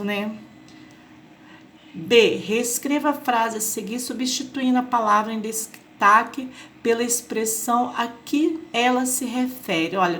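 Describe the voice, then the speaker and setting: A woman's voice: a little high, a bit bright, a little hiss or hum. A Brazilian woman teacher with a patient manner, explaining a workbook lesson to children and checking in often. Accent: Brazilian Portuguese.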